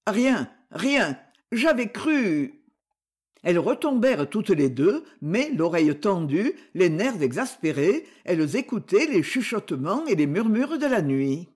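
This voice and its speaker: An audiobook narrator reading a short story aloud. The voice is lively and rises and falls a lot, with dramatic pauses between phrases. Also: medium pitch, breathy edge. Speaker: audiobook reader.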